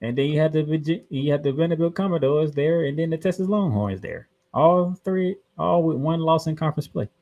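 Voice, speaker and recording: An American man co-hosting a college football preview show, announcing matchups in an animated way. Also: a little high, fairly quick, few pauses, highs cut off. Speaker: sports show co-host.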